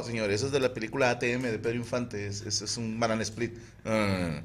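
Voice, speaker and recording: A man with a Mexican Spanish accent, a podcast co-host telling crude jokes in casual chat, animated and breaking into laughter. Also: fairly low pitch.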